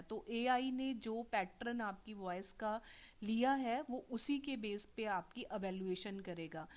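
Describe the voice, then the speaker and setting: A young woman teacher patiently explaining exam technique to her students in a tutorial. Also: mid-range voice. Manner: patient, instructive, addresses students directly.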